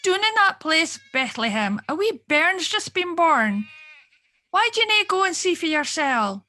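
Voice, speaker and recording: A woman playing an impatient angel with a broad Aberdeen accent, brisk and bossy. Her voice sits high and sounds bright and sharp. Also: very animated, exaggerated voice. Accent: Scottish, Aberdeen.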